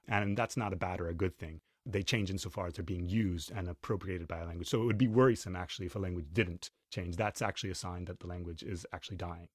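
Deep-voiced man, measured and academic. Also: no room sound, studio quality. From Chile. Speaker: linguist, interviewee. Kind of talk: explanatory interview answers.

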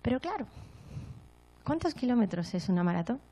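A woman's voice: on the high side, fairly quick. A woman from giving a motivational talk to an audience, telling stories and often checking in with short tag questions. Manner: storytelling, frequent tag questions, lively acted-out moments.

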